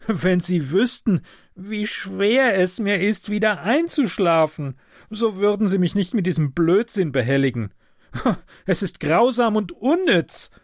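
A man's voice: high-pitched, expressive, measured pace, dry recording, clean studio sound, pitched above the performer's own voice. A man voicing a frail, sickly older male train passenger who complains in a tearful, whining way.

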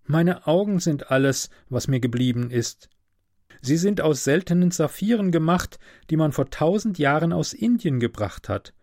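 A man reading a storybook aloud, voicing a kind, sorrowful prince statue in an earnest, gently insistent voice. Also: on the high side, expressive, normal speed, no room sound, clean studio sound, pitched above the performer's own voice.

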